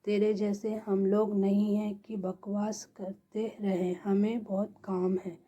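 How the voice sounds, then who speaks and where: A nagging old mother-in-law in a storybook tale, as a woman narrator puts her on, prying and scolding in turns. Her voice is dark and breathy and moves slowly with little rise and fall. The recording sounds dull and lo-fi. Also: medium pitch, little pitch movement. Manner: chiding, questioning.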